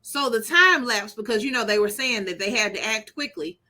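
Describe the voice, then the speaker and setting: A woman co-hosting a podcast, reviewing a movie in casual chat, animated and joking, swearing freely. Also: on the high side, moderate pace. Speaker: podcast co-host.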